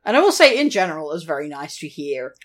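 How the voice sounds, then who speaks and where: A woman co-hosting a casual film review podcast, animated and sweary, laughing often. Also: sits low, fast. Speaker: podcast co-host.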